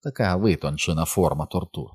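A man voicing a proud, quietly menacing male fallen angel in an audiobook, speaking softly and suavely. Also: low-pitched, breathy edge, no echo. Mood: silky. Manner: soft, suave and measured.

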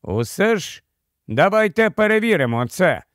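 A man reading the part of a bold, enthusiastic young king in a storybook, speaking with excitement. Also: sits high, moderate pace, no echo, studio quality. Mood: excited.

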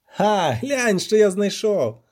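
Dandelion, a man voicing a boastful loud bard. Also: high-pitched, sing-song, moderate pace, voice pushed up. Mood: excited. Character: boastful excitable male poet bard. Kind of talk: audiobook character voice.

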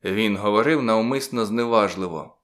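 A man narrating a first-person detective story in a measured, even audiobook reading. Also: fairly low pitch.

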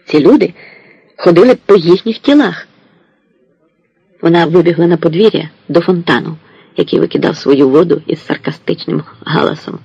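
A man narrating an audiobook in a steady, unhurried storytelling voice. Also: on the high side, vocal fry, slightly rough, no room sound, lo-fi sound.

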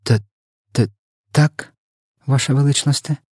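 A man with a husky low voice reading the lines of a small, timid girl who stammers shyly. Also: lively intonation, fairly quick, a little mellow, no echo, clean studio sound, exaggerated voice. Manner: shy and stammering.

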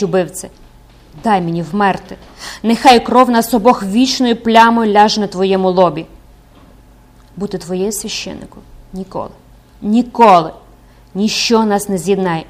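A woman's voice: medium pitch, fast, hardly any pauses, dark tone, lightly acted. Woman reading as a proud young prisoner girl, scornful and defiant, audiobook. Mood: furious. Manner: cold, then fierce and scornful.

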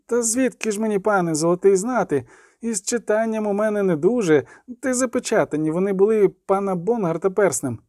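Man playing a high, fawning young peasant lad, rustic and rambling, audiobook figure. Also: fairly quick, darkish tone, no echo, studio quality, close to an everyday voice. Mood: eager. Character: servile eager young male peasant lad.

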